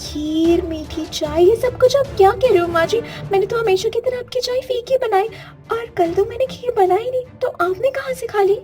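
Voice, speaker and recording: A woman voicing a timid young daughter-in-law in an animated story, with a high, pleading voice. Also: normal speed, soft background music. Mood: protesting.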